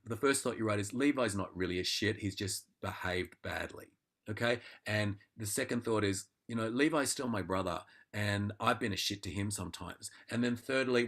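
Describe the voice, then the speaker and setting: Male acting teacher, slightly low voice, chatty and animated, acts out thoughts. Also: creaky. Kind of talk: conversational interview.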